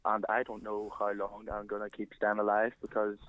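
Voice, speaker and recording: A man playing an unhinged caller who rambles in a flat, matter-of-fact way. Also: on the low side, moderate pace, dry recording, lightly acted, rough recording. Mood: deadpan. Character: deadpan unhinged male caller Robert. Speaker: prank caller.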